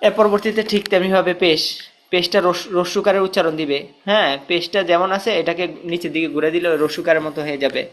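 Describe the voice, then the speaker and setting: A man teaching Quran reading, chanting letter-and-vowel drills in a steady rhythm and pausing to explain with questions. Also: sits high. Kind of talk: spelling drill lesson.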